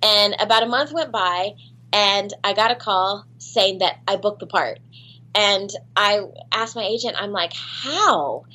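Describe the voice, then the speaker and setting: A voice actress being interviewed talks a little slowly in a medium-pitched voice that sounds pushed and bright. She's casual and self-mocking, scattering ums and restarting her sentences often.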